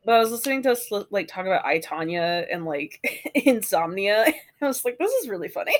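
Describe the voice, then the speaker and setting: A sick woman with a hoarse smoker's rasp, chatting casually and self-deprecatingly as a podcast co-host. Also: medium pitch, big pitch swings, brisk. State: sick with a cough. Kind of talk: casual chat.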